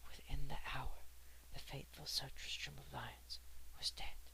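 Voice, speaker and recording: A storyteller reading old legends in a soft ASMR whisper, breathless, with chatty asides full of fillers. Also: mid-range voice, flat delivery, a little slow, creaky, low-quality recording.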